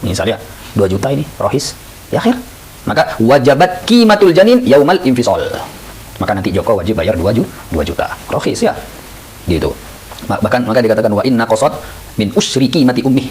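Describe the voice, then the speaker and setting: A man teaching a lively lesson on Islamic law, who acts out little scenes in raised voices. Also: medium pitch, a little fast, a little hiss or hum, low-quality recording. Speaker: Islamic boarding school teacher.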